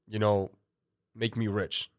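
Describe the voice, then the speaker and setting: A Cuban-born man in his thirties talks casually as a podcast guest, his voice sitting a little low. He rambles, leaning on "you know" and "like", and the sound is close and dry with no room echo. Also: flat delivery, slow. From Cuba. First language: Spanish. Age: 30s. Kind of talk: casual interview talk.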